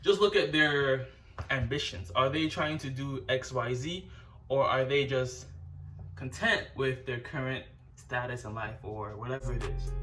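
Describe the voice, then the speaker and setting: A man's voice: mid-range voice, far from the mic. Guy chatting reaction style, slangy, bit off the mic, music going behind him. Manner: repeats tag questions such as "you know what I'm saying". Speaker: host of a reaction show. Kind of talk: casual reaction commentary with street slang.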